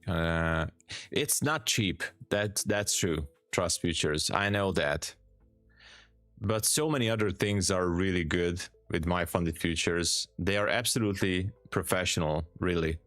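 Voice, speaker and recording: On a live stream, a man with a Hungarian accent calmly reads out viewer comments and answers them in an easygoing way, often repeating words for emphasis. His voice is low and a little slow, with no room sound and soft music in the background.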